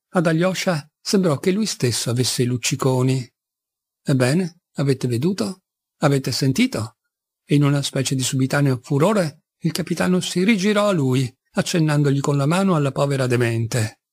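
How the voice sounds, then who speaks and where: A man reading a classic novel aloud in a measured, expressive narration. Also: on the high side. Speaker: audiobook reader. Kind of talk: literary narration.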